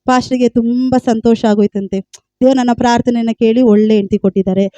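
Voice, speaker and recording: A woman's voice: fairly high pitch, steady tone, fast talker, warm tone, no room sound. A woman preaching a sermon with a Kannada accent, emphatic, repeating phrases and calling out hallelujah.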